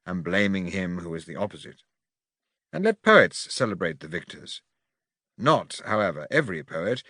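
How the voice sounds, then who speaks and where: A man with a fairly low voice narrates a philosophical audiobook. His delivery is formal and oratorical, with a bright, incisive edge. The sound is close and dry. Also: no echo. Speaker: audiobook reader. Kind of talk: scripted audiobook reading of a philosophical dialogue.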